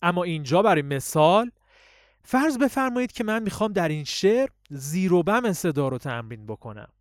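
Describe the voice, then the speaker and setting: In a sing-song voice, a man teaches public speaking, walking through techniques and reciting poems to demonstrate them while his voice rises and falls in drills. The studio-quality recording has no echo.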